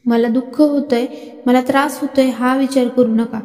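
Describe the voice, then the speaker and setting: Brief: woman narrator playing a loving, earnest wife with a high voice in a roomy space. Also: steady tone, normal speed, a little mellow, close to an everyday voice. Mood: pleading. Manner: earnest, pleading. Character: devoted, loving middle-aged wife. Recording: echoey reverberant room.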